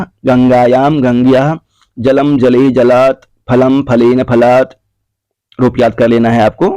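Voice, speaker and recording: A man teaching a classroom grammar lesson, slowly repeating and dictating the answers to exercises. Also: medium pitch, darkish tone, no echo.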